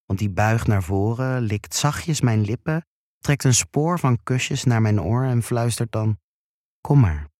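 A man reading a first-person erotic story aloud in a slow, hushed, intimate way. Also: mid-range voice, no room sound, clean studio sound. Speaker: narrator.

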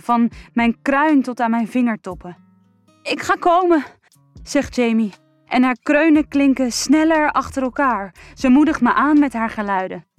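A woman reading a first-person erotic story aloud in a slow, breathy, sensual way. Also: on the high side, no room sound. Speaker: narrator.

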